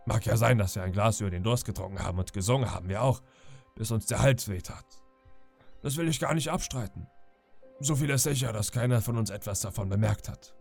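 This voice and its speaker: A man doing a sly, gravelly pirate captain. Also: lowish voice, fairly quick, darkish tone, soft background music. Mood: storytelling. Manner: wheedling, falsely friendly with sudden threats. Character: sly smooth-talking old male pirate captain.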